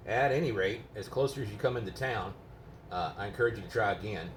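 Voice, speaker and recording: A man's voice: lowish voice, fast. A man talking casually indoors as a home radio operator, explaining things in a patient, rambling way. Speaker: amateur GMRS radio operator. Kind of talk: casual, unscripted radio chat. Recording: roomy, noisy, distant microphone.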